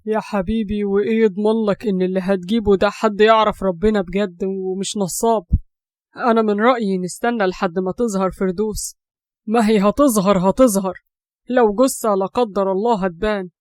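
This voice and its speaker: With a mid-range, a little mellow voice, a woman speaks fairly quickly and with fairly even intonation, sounding close to everyday speech. She plays a cautious older Egyptian man arguing with his family, captured in a dry, clean studio recording.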